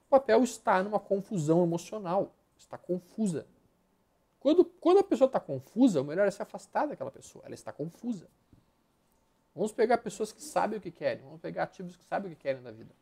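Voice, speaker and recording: A warm-toned man whose voice sits high and shows vocal fry provides live stock market commentary over charts. He has a Brazilian Portuguese accent and is blunt and slangy, rattling off repeated words while flipping through the charts.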